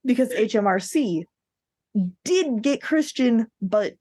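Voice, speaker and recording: Speaking slowly in a slightly high, darkish voice with lively intonation, this podcast co-host talks about books in a casual, blunt, strongly opinionated way. There's no room sound in the recording.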